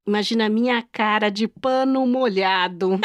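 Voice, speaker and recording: A woman with a Brazilian Portuguese accent tells a story on a podcast in a relaxed, chatty way. She slips into the voices of the people in her tale and laughs as she goes. Her voice sits mid-pitch on a dry, close mic. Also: moderate pace, no room sound, highs cut off. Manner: animated, acts out quoted dialogue, laughs often. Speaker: podcast co-host. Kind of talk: casual storytelling chat.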